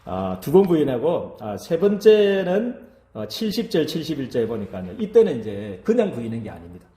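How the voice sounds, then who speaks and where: A male pastor delivers a sermon with a warm, mellow tone, and his pitch rises and falls in lively swings. He keeps turning to the congregation to ask them to agree. The sound carries with an echo, as in a church hall. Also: moderate pace.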